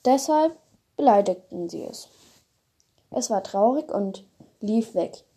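A woman reading a homemade fairy tale aloud in an unhurried storyteller's voice. Her tone is gravelly and husky, and she leaves pauses between her phrases. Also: mid-range voice, expressive, mellow.

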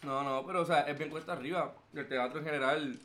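A young man, an actor guesting on a casual podcast, joking and swearing in quick banter. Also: on the high side, fairly even intonation, sharp tone.

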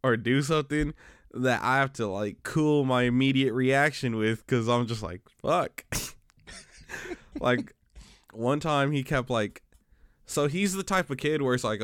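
A man's voice: medium pitch, measured pace, a bit bright, clear, resonant tone, no room sound, clean studio sound. A man co-hosting a podcast, telling slangy, laid-back stories about his work as a teacher in a casual chat. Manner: laid-back, slangy storytelling with frequent restarts. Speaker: podcast co-host; special education teacher.

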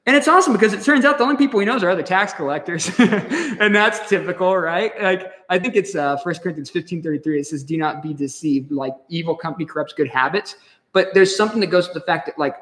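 A pastor with a high, slightly bright voice preaches a casual, slangy sermon, laughing and laid-back. The recording sits in an echoey hall with long reverb.

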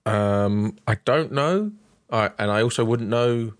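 A man's voice: mid-range voice, a little slow, dry recording. A man chatting casually as a podcast co-host.

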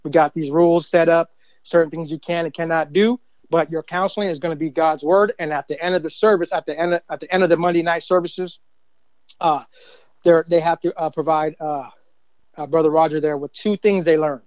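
Rambling man, slightly high, dull sound. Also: fairly even intonation, fairly quick, darkish tone, no room sound. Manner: rambling, many fillers and "you know what I mean". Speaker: guest, church usher and youth minister. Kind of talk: casual testimony interview.

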